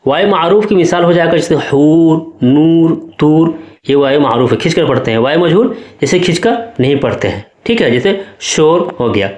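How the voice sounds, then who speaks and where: A male teacher with a fairly high voice works through exam questions one by one. He explains each answer patiently and keeps checking that the class follows. The sound has a noticeable room echo. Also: big pitch swings, a little fast, hardly any pauses. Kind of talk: exam-prep lesson.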